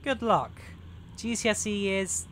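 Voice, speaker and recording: His voice sits high and a bit bright, and he keeps a measured pace. He's a young Englishman nearing twenty, casually chatting with viewers as he plays a train simulator, reading their comments aloud with many fillers. Train sim engine and rail noise is clearly heard behind him.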